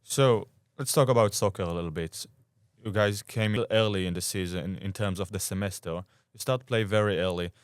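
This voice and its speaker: A man's voice: low-pitched, normal speed, clear, resonant tone, no room sound, studio quality. A young man in his twenties hosting a college sports podcast, reading a scripted intro and then asking questions conversationally. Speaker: podcast host.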